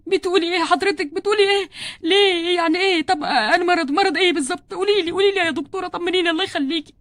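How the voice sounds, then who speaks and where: A woman's voice: very high voice, racing, fairly bright tone, no echo. A woman voicing an adult man doll who frets over his sick wife, speaking Egyptian Arabic with pleading, repeated words. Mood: anxious. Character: worried devoted husband doll, adult man. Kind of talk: doll play storytelling.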